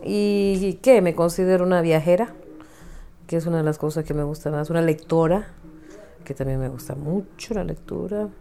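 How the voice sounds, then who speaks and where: A middle-aged woman from Honduras, an interview guest speaking thoughtfully about politics, pausing and searching for her words. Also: on the low side, creaky, mellow. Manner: thoughtful, searching, with restarts and tag questions. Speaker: interview guest, feminist activist and writer. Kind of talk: reflective conversational interview.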